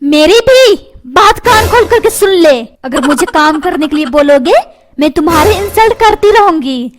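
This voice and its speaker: A sharp-tongued, quarrelsome cartoon wife and mother, voiced by a woman. She scolds in a very high, lively voice. Clear noise runs behind her. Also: normal speed. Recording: noisy background.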